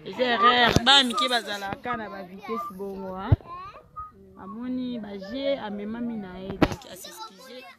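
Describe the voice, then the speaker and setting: A woman, hosting a live video from an orphanage, chattily greeting viewers one by one with lively exclamations. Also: on the high side, normal speed. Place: orphanage, among children. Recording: loud crowd chatter behind.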